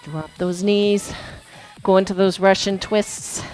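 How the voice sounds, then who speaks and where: Chatty, slow-paced woman coaching a workout. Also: mid-range voice, fairly even intonation, darkish tone, low-quality recording. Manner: encouraging, chatty, laughs often; demonstrating moves while talking. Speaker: fitness instructor. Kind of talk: guided workout instruction. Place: fitness studio. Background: background workout music.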